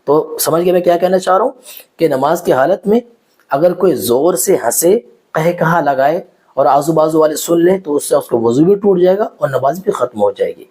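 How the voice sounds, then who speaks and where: Man teaching religious rules, mellow tone. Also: a little high, animated. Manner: explanatory, numbered points, addresses viewer directly; repeats each rule in simpler words. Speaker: Islamic teacher. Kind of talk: religious instruction video.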